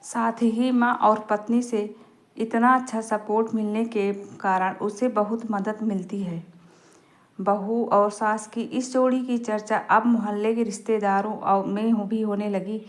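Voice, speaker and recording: A woman reads a family story aloud at a middle pitch. Her delivery is plain and even, with a small restart now and then. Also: measured pace. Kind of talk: scripted story narration.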